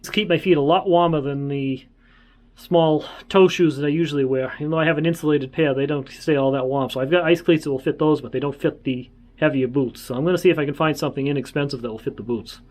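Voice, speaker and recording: Male travel vlogger, a touch high in pitch, informal and easygoing, wanders as he talks. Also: steady tone, fast talker, a little mellow. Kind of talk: casual vlog chat.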